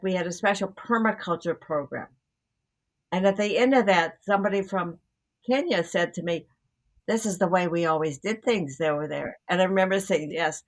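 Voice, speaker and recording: An older woman co-hosting a conversational show, talking in a rambling way and correcting herself as she goes. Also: mid-range voice. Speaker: co-host. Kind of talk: casual conversation.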